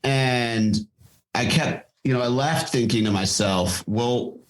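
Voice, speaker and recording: On a rough recording, a middle-aged fitness company founder speaks slowly in a mid-range voice as a guest on a podcast. He's casual and reflective, often restarting sentences and leaning on fillers throughout the interview.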